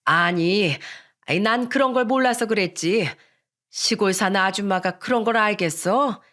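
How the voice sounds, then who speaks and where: A shrill, nagging old countrywoman scolding her daughter-in-law, put on by a woman narrator. Her voice comes across raised and scornful in this storybook-style radio tale. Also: normal speed, a bit bright, lightly acted. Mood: defensive. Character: harsh older rural mother-in-law, scolding.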